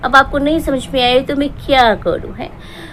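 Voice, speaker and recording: A woman doing a jealous, scheming vlogger who rambles in a high, sarcastic voice and slips into fake tears. The comic parody monologue has a faint hiss of noise behind it. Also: moderate pace, a bit bright. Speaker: parody performer.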